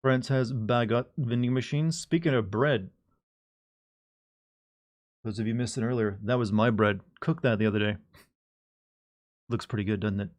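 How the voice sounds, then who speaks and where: A man's voice: medium pitch, moderate pace, pauses often. A man giving casual gameplay commentary as a streamer, rambling along in a wry way. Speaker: game streamer.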